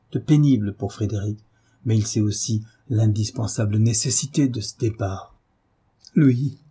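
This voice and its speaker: A man narrating an old novel as an audiobook, in a measured, solemn storytelling manner. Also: on the low side, warm tone, husky. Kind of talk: audiobook reading of a 19th-century novel.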